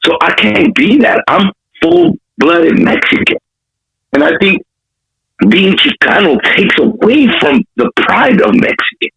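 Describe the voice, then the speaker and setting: This rapper from Compton has a high-pitched, very animated voice, slightly slow, with vocal fry, a fairly bright tone, and a breathy edge, heard on a muffled recording. In a casual interview he tells vivid stories in an urban LA accent, heavy on slang and cursing.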